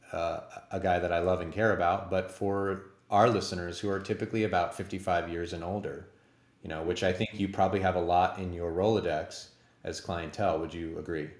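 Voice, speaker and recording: A man in his forties with a very deep, low voice hosts a casual interview chat. He talks in a rambling, self-deprecating way, and the room sounds echoey around him. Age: 40s. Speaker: podcast host.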